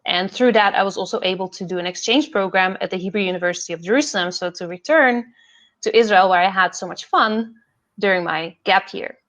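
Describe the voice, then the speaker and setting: Over a video call, a young Dutch woman who works as a PhD fellow and hosts a podcast talks earnestly about her career path. Her mid-range voice is a bit bright, and she pauses often and uses plenty of fillers.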